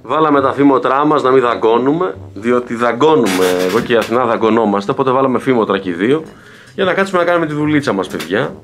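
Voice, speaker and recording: A man's voice: mid-range voice, expressive. A man vlogging his workday as a video editor at a TV station, chatting casually to his camera with playful, joking asides. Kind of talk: casual vlog chat. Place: TV station, walking to the control room. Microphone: handheld camera.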